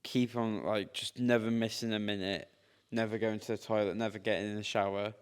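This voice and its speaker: A man's voice: fairly low pitch, level tone, a little fast, clean tone. A young man rambling through a casual podcast story, full of fillers and slang. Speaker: podcast co-host. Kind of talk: casual chat.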